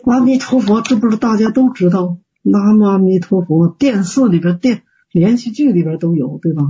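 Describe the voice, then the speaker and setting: A man's voice: sits high, normal speed, dark tone, slight background noise. A man teaching Buddhist practice in an online Q&A, plain-spoken and folksy, full of fillers and rhetorical questions. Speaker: Buddhist teacher answering students. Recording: dull lo-fi call audio.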